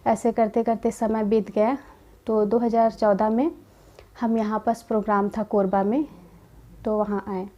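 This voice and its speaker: A young woman giving a gentle personal testimony about her spiritual path, quoting conversations in her own voice. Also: medium pitch, flat delivery, unhurried, muffled recording. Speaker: spiritual community member sharing her experience.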